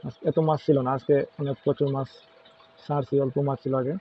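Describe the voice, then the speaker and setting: Speaking quickly in a flat, medium-pitched voice, a man walks through his home aquarium and names each fish as he points it out. It's a casual home video, recorded with thin, phone-like sound and a little background noise.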